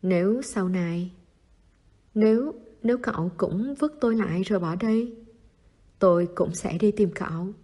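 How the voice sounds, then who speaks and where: A woman's voice: medium pitch, unhurried, warm tone. A woman reading the part of a stubborn teenage boy who talks in blunt, clipped lines and gets flustered when pressed. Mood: earnest. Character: stubborn teenage boy, gruff but tender.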